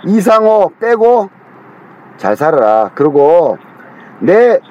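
A man's voice: sits high, sing-song, slow pace, darkish tone. A middle-aged man in a heated phone call with his younger brother, rambling, accusing and scolding him.

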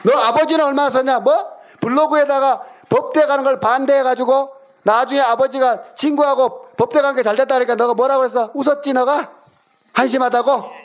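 Man, very high pitched, combative, foul-mouthed, hectoring. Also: fairly even intonation, fairly quick. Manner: aggressive, cursing and hectoring. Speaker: caller in a heated argument. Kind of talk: angry phone argument.

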